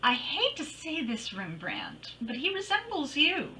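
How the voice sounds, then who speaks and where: A woman acts out a brassy lady private eye from a radio mystery. Her high voice swoops animatedly through wry, slangy wisecracks, picked up from some distance off the microphone. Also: wildly swooping pitch, measured pace, pushed and bright, heavily acted. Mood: dry, wisecracking. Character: brassy, wisecracking female private detective, persuasive and breezy. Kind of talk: old-time radio detective acting and narration.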